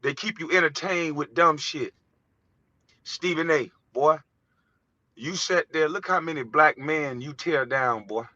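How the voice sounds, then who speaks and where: A man's voice: on the high side, a little slow, pushed and bright, dry recording. A man from the United States delivering an impassioned, profane vlog monologue, heated and preachy. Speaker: vlogger. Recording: dull, dry lo-fi recording.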